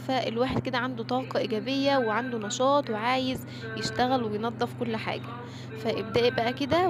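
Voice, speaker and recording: A middle-aged woman with an Egyptian Arabic accent, narrating her home routine and speaking straight to her viewers in an encouraging way. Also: fairly high pitch. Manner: warm, encouraging, addresses viewers directly. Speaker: home vlogger. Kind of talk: chatty home routine voice-over.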